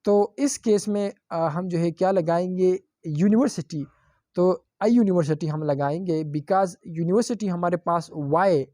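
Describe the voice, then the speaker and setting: A man teaching an online grammar lecture, explaining step by step and repeating examples slowly, with English phrases mixed into his explanations. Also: high voice, dark tone, no room sound, studio quality.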